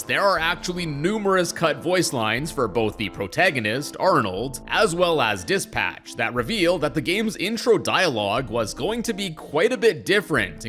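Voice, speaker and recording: A man's voice: fairly high pitch, sharp tone. A man hosting a gaming video, reading scripted explainer narration. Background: music.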